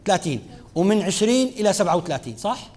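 Rapid, lively lecturer, a man. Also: sits high. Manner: lively teaching, speaking straight to students, mixing formal and dialect Arabic. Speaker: lecturer on Islamic finance. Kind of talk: classroom lecture.

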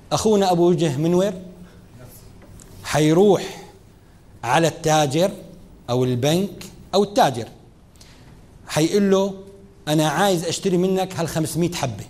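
Rapid, lively lecturer, a man. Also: fairly high pitch. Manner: lively teaching, speaking straight to students, mixing formal and dialect Arabic. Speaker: lecturer on Islamic finance. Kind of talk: classroom lecture.

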